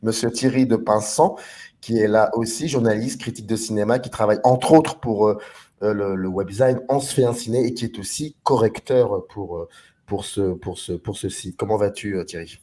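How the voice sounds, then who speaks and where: A man's voice: on the low side, moderate pace, warm tone. A man hosting a film discussion show in a casual, hesitant way, with lots of fillers and restarts as he introduces guests and films.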